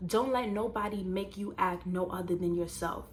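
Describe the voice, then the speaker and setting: A woman in her twenties, casually telling a personal story to viewers and turning it into motivational advice, animated and talking straight to the audience. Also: lowish voice, normal speed, slight background noise. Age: 20s. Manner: animated, conversational, addresses viewers directly. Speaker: vlogger.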